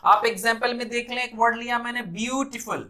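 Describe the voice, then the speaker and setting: A man with an Indian accent teaching a spoken English lesson in Hindi, slowing down to spell out English words syllable by syllable. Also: extremely high pitch, level tone, pushed and bright.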